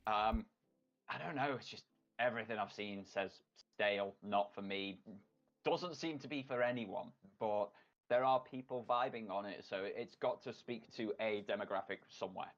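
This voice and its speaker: A man's voice: fairly low pitch, normal speed, dull audio. A man co-hosting a casual gaming podcast, blunt and jokey, given to mock-indignant banter. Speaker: podcast co-host.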